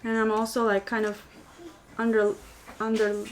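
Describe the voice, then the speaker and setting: On a live-stream paper flower tutorial, a crafter whose first language is Albanian chats and reads comments with many fillers and restarts. Her voice sits on the high side and stays monotone at a moderate pace, and the poor audio carries a little hiss or hum.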